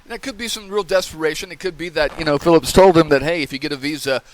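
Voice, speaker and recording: A man's voice: fairly high pitch, fast talker. A middle-aged man hosting a casual commentary monologue, often checking in with "okay?" and acting out scenes with a raised voice. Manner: conversational, keeps asking "okay?", acts out scenes loudly. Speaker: podcast host.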